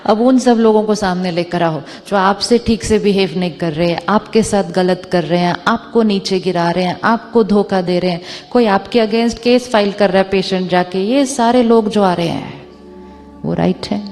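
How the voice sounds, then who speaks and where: A woman spiritual teacher giving a talk to an audience, mixing Hindi and English, slowing down on the English phrases and asking rhetorical questions. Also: medium pitch, darkish tone, big-room sound, soft background music.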